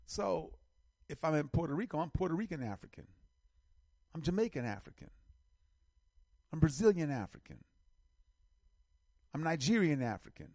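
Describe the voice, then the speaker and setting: A middle-aged man from the United States hosts an online show, talking through an article in emphatic, repetitive commentary. His voice is gravelly and somewhat husky, recorded dry and close. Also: on the high side, very animated, moderate pace, pauses often, darkish tone, no room sound. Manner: emphatic, repeats phrases, lists building in force. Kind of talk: casual commentary reading an article.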